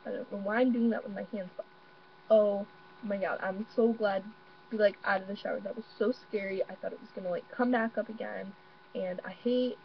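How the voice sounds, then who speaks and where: A young woman vlogging from her bedroom, excitable and rambling, with lots of fillers. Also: medium pitch. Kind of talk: casual vlog. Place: bedroom at home. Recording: dull lo-fi webcam audio with faint mains hum.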